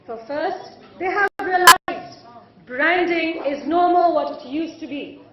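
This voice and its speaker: A woman giving a formal podium speech to an audience, theatrical and rhetorical, with deliberate pauses and repetition. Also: very high-pitched, a loud crowd. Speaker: conference keynote speaker. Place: large event hall. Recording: echoey hall, distant mic, muffled.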